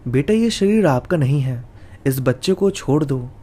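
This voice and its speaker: Man doing stern old holy man, grave, commanding, mellow tone, fairly high voice. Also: animated, normal speed. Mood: calm.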